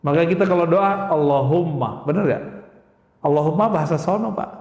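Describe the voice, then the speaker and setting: A man's voice: on the high side, a little fast, a little mellow, dull audio. A man preaching a religious lecture, emphatic, putting rhetorical questions to his listeners. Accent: Indonesian. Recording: echoey hall with long reverb.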